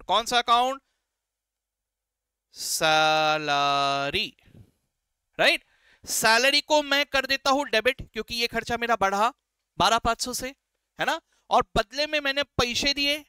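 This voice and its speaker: High, bright-voiced male accounting teacher. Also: smooth, no room sound. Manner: checks in constantly with "right?" and "okay?"; friendly, encouraging, calls students "beta" and "sir". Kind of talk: classroom lecture mixing Hindi and English.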